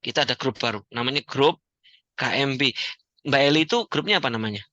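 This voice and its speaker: A man giving a joking, animated motivational talk to an audience as the founder of a community. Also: mid-range voice, a little fast, no room sound, highs cut off. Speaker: founder and coach of a debt-free community.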